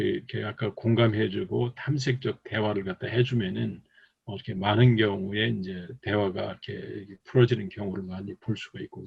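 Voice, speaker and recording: Gravelly man giving a rambling lecture. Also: lowish voice. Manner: rambling, many filler words; acts out sample dialogue in quotes. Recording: dull, lo-fi recording.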